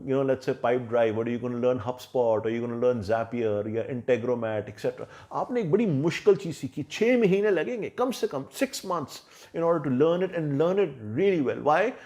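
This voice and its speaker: Man, slightly high voice, emphatic advice host who hammers points home by repeating them. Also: darkish tone. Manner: emphatic, mixes Urdu and English mid-sentence, repeats points for stress. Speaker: host giving career advice. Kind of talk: casual advice monologue.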